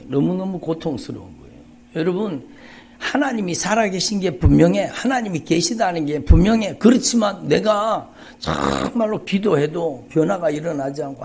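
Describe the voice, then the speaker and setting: Gravelly-voiced Korean pastor preaching testimony. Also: male voice, on the high side, a little mellow, a little hiss or hum. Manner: emotional, repetitive, rising and falling intensity. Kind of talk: dawn service sermon, personal testimony. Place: church sanctuary.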